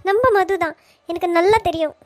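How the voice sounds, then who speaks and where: A woman's voice: extremely high pitch, a little fast, no room sound. A woman voicing a hurt mother in a Tamil cartoon, talking in an emotional, pleading way. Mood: upset.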